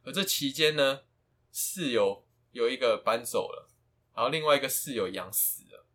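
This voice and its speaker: A man's voice: medium pitch, animated, moderate pace, a bit bright. A young man co-hosting a casual podcast, telling funny pet stories with lots of laughter and imitated bird chirps and squawks. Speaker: podcast co-host. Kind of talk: casual chat.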